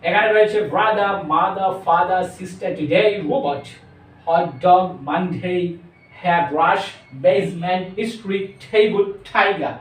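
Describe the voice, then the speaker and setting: A man with a Bangladeshi accent teaching a spoken English lesson, slowly stretching out words and mixing English into his explanations. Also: high voice. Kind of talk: classroom lesson. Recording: echoey room, voice from a distance.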